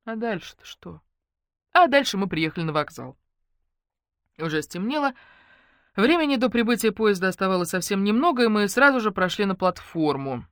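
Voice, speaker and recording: A woman narrating a first-person novel in a wry, lively storytelling manner. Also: mid-range voice, fairly quick, no room sound, clean studio sound. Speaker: audiobook narrator.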